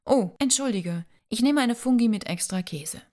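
A young woman in love teases her partner, light and affectionate, as the narrator lifts her voice slightly for her. The lines come from a romance audiobook, read close and clear. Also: a little high, animated, normal speed, darkish tone, pitched above the performer's own voice, close to an everyday voice. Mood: playful, affectionate. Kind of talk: audiobook dialogue.

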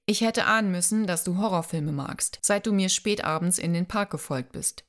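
A woman voicing a gentle, playful young man in love, reading his lines softly in an audiobook. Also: fairly low pitch, moderate pace, lightly acted. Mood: tender, teasing. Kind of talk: audiobook dialogue.

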